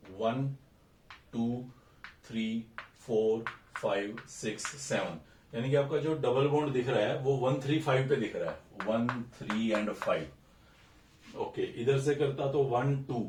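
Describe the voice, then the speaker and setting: A man's voice: fairly low pitch, a little mellow, recorded from a distance, slight background noise. A man teaching a recorded chemistry lesson, explaining step by step and counting carbons aloud while mixing English terms into Hindi. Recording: echoey room, voice a bit off-mic, faint ambience.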